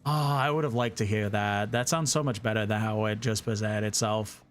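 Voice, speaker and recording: A man's voice: lowish voice, fairly even intonation, moderate pace, slight background noise. A man streaming a game live, chatting casually, swearing now and then and reading chat messages aloud.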